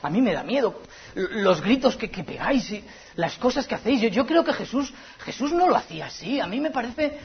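A man's voice: very high-pitched, big pitch swings, a little fast, slight background noise, voice pushed up, full character voice. A man voicing a hesitant young woman Bible student who falters as she speaks, with a Spanish accent from Spain. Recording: dull lo-fi recording.

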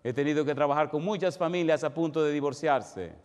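A male pastor preaching a sermon, moving from quiet storytelling to loud, rising calls with repeated questions. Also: a little high, a little fast. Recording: long hall reverb.

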